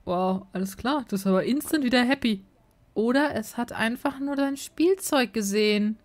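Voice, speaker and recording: Casting: slightly high-voiced woman, excitable game commentator with exasperated outbursts. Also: normal speed. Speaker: Let's Play host.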